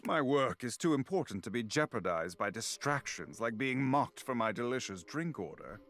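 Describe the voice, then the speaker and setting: An actor playing a weary, stern and pompous friar in a video game, speaking formally as if preaching. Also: male voice, medium pitch, lively intonation, normal speed, a bit bright. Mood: haughty, defensive. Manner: pompous, formal, sermonizing delivery. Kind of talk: scripted video game voice acting. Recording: music behind the voice.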